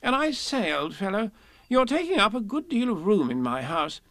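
A fussy rabbit chatters on briskly in a raised, lively voice, as a man puts him on. His pitch jumps about as he talks. The sound is dry and close. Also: dry recording, full character voice. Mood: cheerful.

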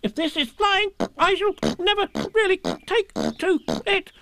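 A very high, squeaky little boy piglet from a children's storybook. He protests anxiously and indignantly, in exclamations that swoop upward. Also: sing-song, a little slow, bright, forceful tone, no room sound, full character voice. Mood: jerky alarm.

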